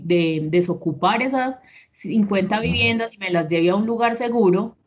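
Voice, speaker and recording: Woman teaching on a muffled call. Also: mid-range voice. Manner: explanatory, checks understanding with questions. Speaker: instructor of a risk management course. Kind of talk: online class lecture. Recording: dull lo-fi online call audio with faint noise.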